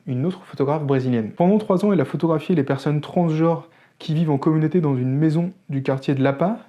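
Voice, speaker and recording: A man's voice: on the high side, dark tone. A man hosting a photography channel, talking casually to camera in an opinionated way with wry joking asides.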